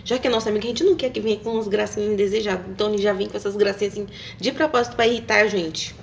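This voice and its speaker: A woman's voice: medium pitch, steady tone, rapid-fire, gravelly, slight background noise. A woman talking casually to camera, rambling and hesitant, with many fillers and tag questions. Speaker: vlogger.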